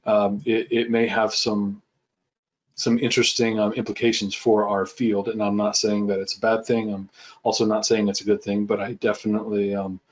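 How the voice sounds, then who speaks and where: A man answering as a panel guest, his voice low and very flat in tone. He talks in a measured, deliberate way, and the call audio comes through dull. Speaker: panel guest, pen tester. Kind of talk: panel discussion.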